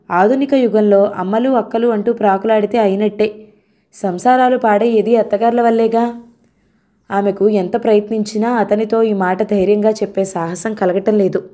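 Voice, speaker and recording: A woman narrating a novel in a calm, measured storytelling manner. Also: mid-range voice. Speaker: audiobook narrator. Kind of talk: novel reading.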